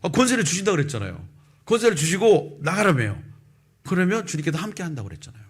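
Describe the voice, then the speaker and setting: A man in his fifties preaches a sermon in a church, telling his own testimony and acting out every person in the story. His voice is slightly high and husky, and he rushes through the telling. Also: big pitch swings. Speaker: pastor. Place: church sanctuary.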